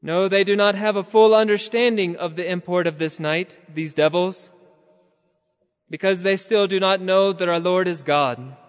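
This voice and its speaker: A man preaching a sermon slowly and solemnly, sometimes half-chanting his phrases. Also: high voice, fairly even intonation, long reverb tail.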